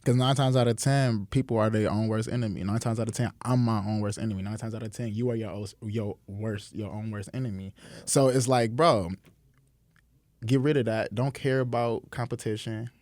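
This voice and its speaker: A man's voice: fairly low pitch, fairly even intonation, a little fast, a little mellow, dry recording, studio quality. A man hosting a casual interview podcast who talks emphatically and keeps calling his guest "bro". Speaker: podcast host.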